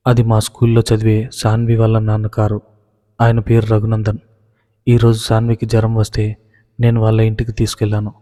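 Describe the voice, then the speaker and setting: A man voicing a calm, determined young woman speaking quietly and steadily to her parents. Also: lowish voice, a little fast, long reverb tail, natural voice. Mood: firm.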